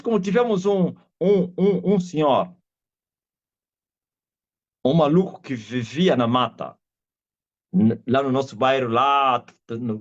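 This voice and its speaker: A middle-aged man with an Angolan Portuguese accent, an apostle giving an animated testimony sermon over a live video call. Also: mid-range voice. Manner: animated storyteller, acts out quoted voices and shouts. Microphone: video call audio. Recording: dull lo-fi video call audio.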